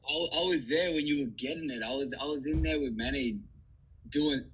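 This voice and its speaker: A man chatting casually, animated and swearing, with stammering restarts. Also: on the high side, fairly quick, slight background noise, low-quality recording. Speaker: videographer guest. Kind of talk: casual chat.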